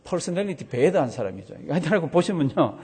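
A male pastor preaches with a lively, swooping delivery and a somewhat high voice. His tone is husky and mellow. Long reverb from the hall trails behind each phrase. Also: fairly quick. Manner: animated storytelling with vivid sound words. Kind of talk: sermon.

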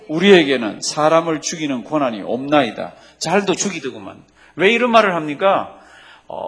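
Male pastor preaching, slightly raised pitch, emphatic with questions put to the congregation. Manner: emphatic preaching, rising to loud calls when quoting scripture; asks the congregation questions and answers them himself. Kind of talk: sermon.

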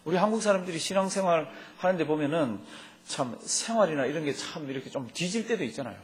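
Lively, animated male pastor. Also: fairly high pitch. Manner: lively storytelling, acts out dialogue in quotes. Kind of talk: sermon.

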